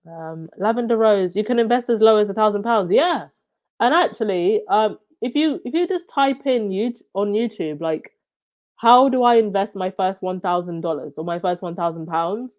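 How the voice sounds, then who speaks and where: A woman's voice: medium pitch, animated, a little mellow, muffled recording. A woman from Zambia with a stuffy, runny nose, hosting a casual livestream chat and reacting to viewer comments. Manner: chatty, reacts with quick laughs and "wow".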